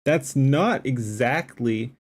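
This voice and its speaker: With a husky, medium-pitched voice and a slow pace, a streamer comments live on a debate clip. He rambles emphatically, piling up fillers and restarting his sentences often.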